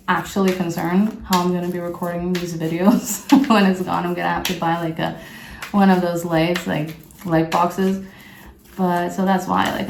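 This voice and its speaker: A Brazilian woman with a fairly low, gravelly voice gives a casual, upbeat tarot reading, chatting away with lots of "like" fillers. She's in a sunny room with plants, and the recording is echoey with faint noise.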